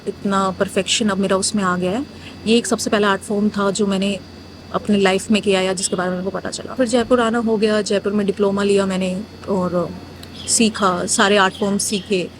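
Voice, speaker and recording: A woman's voice: medium pitch, fairly even intonation, brisk, background noise. A young woman from northern India, a muralist, telling her story frankly in a casual interview, mixing Hindi with English. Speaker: muralist guest.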